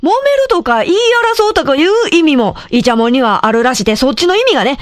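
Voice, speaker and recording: A woman playing a brash, joking host who talks in a rough Kansai dialect with quick, teasing banter. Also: high voice, big pitch swings, a little hiss or hum. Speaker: show host. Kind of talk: comedic radio drama chat.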